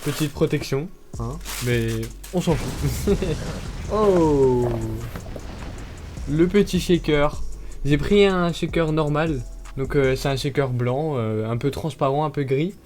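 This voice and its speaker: A man's voice: on the high side, a little slow, darkish tone. Guy unboxing stuff for his channel, lots of ums, chill chatty vibe, faint music in the back. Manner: chatty, hesitant with many fillers, laughs often. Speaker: YouTuber unboxing products. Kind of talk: casual unboxing vlog.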